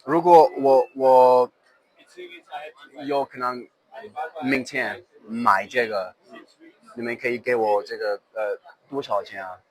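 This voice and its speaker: A man's voice: mid-range voice, fairly even intonation, slow, long pauses, poor audio. Casual man touring a machinery show. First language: not Chinese. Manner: repeats short acknowledgements. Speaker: host touring a trade show. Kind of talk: casual on-site chat and product explanation. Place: indoor machinery exhibition hall.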